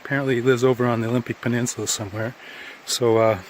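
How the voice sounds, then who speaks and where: A worn-out man talks to his handheld camera outdoors on a mountain trail, rambling and correcting himself as he goes. His voice sits at an ordinary middle pitch. Faint outdoor noise runs underneath. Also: level tone, rapid-fire. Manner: rambling, self-correcting, plain-spoken. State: tired after a long hike. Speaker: hiker filming a trail vlog. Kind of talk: casual spoken trail diary.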